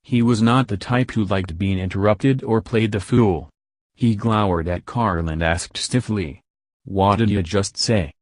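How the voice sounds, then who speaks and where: A man reading an audiobook in a steady, measured narration, recorded close to the mic. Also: fairly low pitch, no echo.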